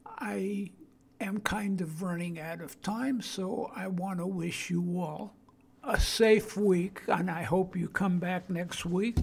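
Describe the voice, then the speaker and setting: An older woman with a Brooklyn accent and a husky, gravelly voice, hosting an informal solo podcast in a plain-spoken, halting, earnest way. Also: lowish voice, steady tone. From Brooklyn, New York. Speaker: podcast host.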